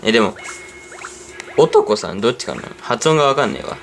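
A man's voice: medium pitch, very animated, brisk. A man giving easygoing game commentary, rambling and talking to himself as he plays. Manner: rambling, easygoing, talks to himself while playing. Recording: clear background music under voice. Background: background music.

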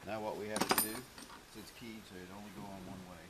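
In a noisy metal-walled garage workshop, clicking tools audible, a middle-aged man walks through an engine rebuild as a home mechanic. His voice is lowish and steady, a touch fast, and his casual, practical tips come in short pieces while he works by hand. A camera mic sits a step or two away.

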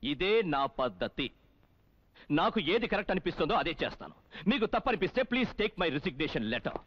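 A man's voice: high-pitched, sing-song, normal speed, slightly rough, lo-fi sound, heavily acted. An actor playing a defiant male police officer in a dubbed film, speaking with impassioned righteousness. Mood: firm.

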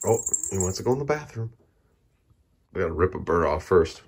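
A man filming his cat at home and talking to it in soft, doting baby talk, often dropping to a whisper, recorded on a handheld phone in a carpeted basement. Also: low voice, lively intonation, fairly quick, breathy edge. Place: carpeted house basement, indoors. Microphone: handheld phone camera.

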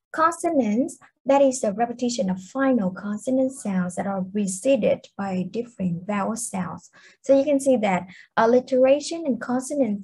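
A woman's voice: medium pitch, dark tone, slightly rough, rough recording. A young woman with a Vietnamese accent teaching a literature class online, explaining patiently and checking in with her students. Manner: explains patiently, asks the class questions, fillers like okay.

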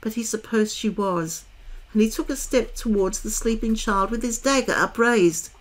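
A woman reading a children's novel aloud in a calm, measured way. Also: fairly high pitch. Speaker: storyteller.

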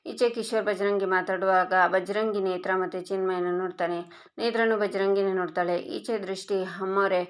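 A woman narrating a recap of a TV serial episode in a steady, even reading voice. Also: medium pitch, normal speed.

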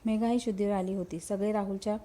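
A woman narrating a horror romance story in a steady storytelling manner. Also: mid-range voice, fast.

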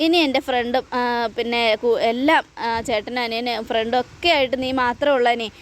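A woman's voice: a little high, fairly even intonation, a little fast, close to an everyday voice. A woman reading as a jealous young fiancée. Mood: needling.

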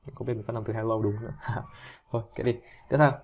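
A man's voice: fairly low pitch, steady tone, fast, a little mellow, a little hiss or hum. A man teaching pronunciation in a casual singing lesson, talking in a chatty, self-deprecating way. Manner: chatty, self-deprecating, breaks into sung demonstrations. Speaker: English teacher.

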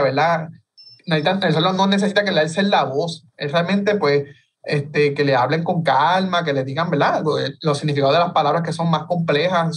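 A man's voice: fairly high pitch, husky. A middle-aged man from Puerto Rico, an interview guest, explaining earnestly with frequent restarts over a video call. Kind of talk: interview conversation. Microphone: video call from home. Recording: distant video call audio.

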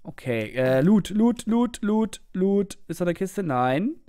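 A young adult with a German accent gives excitable, casual commentary over gameplay. The voice leaps up and down in pitch and talks straight to the viewers. Swearing comes out often. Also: takes it slowly. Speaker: gaming video creator.

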